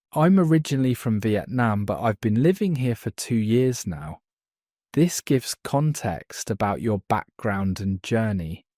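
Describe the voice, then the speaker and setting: A man teaching a beginner English lesson, speaking slowly and clearly and giving model phrases for learners to repeat. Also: mid-range voice, darkish tone, dry recording, studio quality. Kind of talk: slow scripted language lesson.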